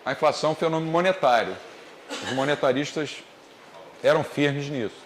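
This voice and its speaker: Brazilian guy lecturing, kinda high voice, walks through it step by step, echoey classroom w faint hiss. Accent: Brazilian Portuguese. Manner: explains step by step, deliberately slow on key points. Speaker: economics lecturer.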